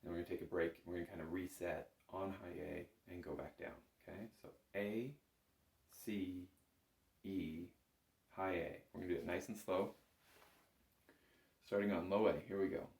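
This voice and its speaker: A bagpipe instructor gives an informal, conversational lesson, explaining exercises encouragingly and with self-effacing humor. His low, creaky, slightly mellow voice keeps fairly even intonation at normal speed, broken by long pauses. The room sounds roomy and echoing.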